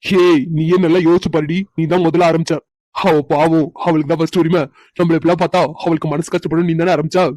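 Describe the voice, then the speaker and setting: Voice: medium pitch, flat delivery, fast, a little mellow, dry recording, close to an everyday voice. A performer voicing a playful young husband in a cartoon who teases his wife with chuckles. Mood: teasing. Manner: teasing, chuckling. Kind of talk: cartoon voice acting.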